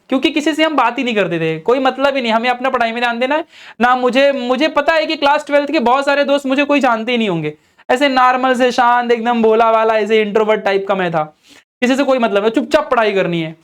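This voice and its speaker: A man's voice: very high-pitched, fairly bright tone, clear, resonant tone. A young man with an Indian accent, an online teacher giving earnest, coaxing study advice straight to his students. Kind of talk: motivational study advice talk.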